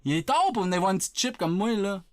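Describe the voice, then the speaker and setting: A man from Quebec with a Québécois French accent, chatting loudly and jokingly with viewers on a live stream, laughing often. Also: high-pitched, lively intonation, fast, dry recording, studio quality. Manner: loud, jokey, laughs often. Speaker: Twitch streamer. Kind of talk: casual live-stream chat. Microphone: sensitive desk mic.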